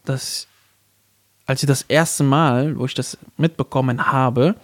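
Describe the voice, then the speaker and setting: A man co-hosting a talk podcast, telling a personal story in an animated way and acting out the voices of the people in it. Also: medium pitch, slow pace. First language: Arabic. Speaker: podcast co-host. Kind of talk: casual storytelling chat.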